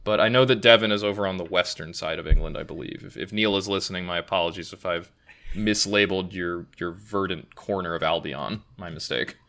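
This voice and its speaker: A man with a low but bright, forceful voice co-hosts a casual podcast. He talks in long, winding thoughts and corrects himself often. His asides are dry and wry. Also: fairly quick. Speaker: podcast co-host. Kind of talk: casual chat.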